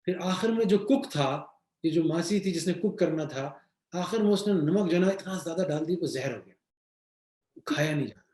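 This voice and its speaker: A man's voice: fairly high pitch, animated, a little mellow. A man with a Pakistani accent speaking in a webinar, answering questions on leadership in a conversational way with everyday examples and English phrases mixed in. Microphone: video call. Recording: echoey room sound.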